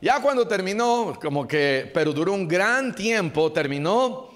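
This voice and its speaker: Man, pastor preaching a sermon, earnest and exhorting, fairly high voice, long church reverb. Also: very animated, a little slow. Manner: earnest, exhorting, repeats key phrases. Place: church hall.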